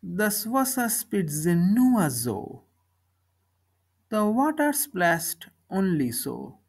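A woman reading a children's story slowly, speaking each line and then its translation. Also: medium pitch, very animated, darkish tone, breathy edge. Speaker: narrator of a bilingual story. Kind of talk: slow storybook reading in German and English.

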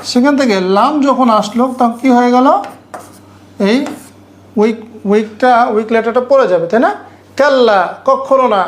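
A woman teaching an Arabic grammar class, reciting verses slowly and explaining them step by step while quizzing her students. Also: on the high side. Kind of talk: online class lecture.

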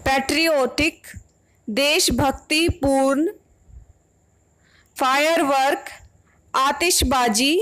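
A woman giving a vocabulary lesson, reading each word and its meaning one by one with clear pronunciation. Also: high voice, steady tone, drawn-out words, pauses often, a bit bright, poor audio. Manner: reads word pairs one by one, clearly pronounced. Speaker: English vocabulary teacher.

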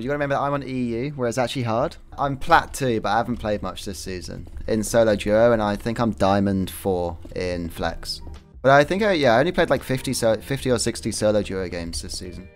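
Young man rambling on stream. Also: medium pitch. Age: young adult. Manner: rambling, swears casually, laughs often. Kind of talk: casual gaming stream chat.

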